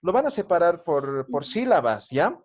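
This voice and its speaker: A man's voice: fairly high pitch, sing-song, normal speed, darkish tone. A man teaching an online language class, patiently drilling greetings and often ending phrases with a questioning "¿no?".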